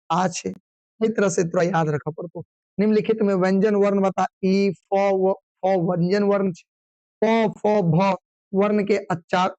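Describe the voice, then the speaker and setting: A man teaching an online exam revision class, firing quick questions and answering them himself, sometimes scolding. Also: high voice, a little mellow, dry recording, rough recording. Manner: drilling call-and-response questions, brisk and scolding.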